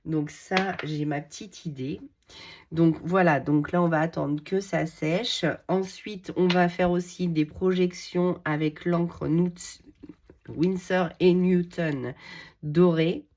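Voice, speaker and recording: A woman's voice: lowish voice, steady tone, takes it slowly, a little mellow. A middle-aged woman hosting a casual crafting tutorial. She is chatty, talks to herself as she works, and uses many fillers. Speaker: craft video host.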